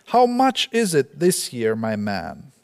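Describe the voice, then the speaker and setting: A man's voice: medium pitch, huge pitch swings, slow pace, darkish tone, long reverb tail, exaggerated voice. A man reading out the lines of a carefree, scheming old professor in a breezy, dismissive way.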